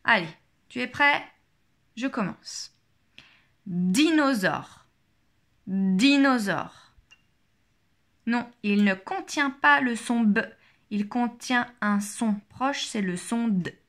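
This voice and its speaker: A woman leads a child through a phonics lesson with slow, deliberate speech. She says each word twice, clearly shaping every sound. Her voice sits fairly high. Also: a bit bright. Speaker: teacher.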